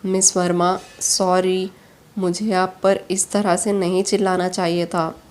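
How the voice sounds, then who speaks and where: An earnest, pleading young boss in a spoken romance story, as a woman reads him in her own voice. He talks slowly and drawn out, remorseful and smitten. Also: lowish voice, level tone, darkish tone. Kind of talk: storybook character reading.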